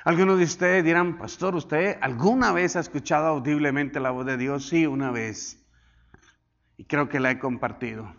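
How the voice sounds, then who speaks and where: A male pastor preaching a sermon, swinging from loud declarations to hushed asides and having the congregation repeat after him. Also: a little high, moderate pace, vocal fry, dull audio.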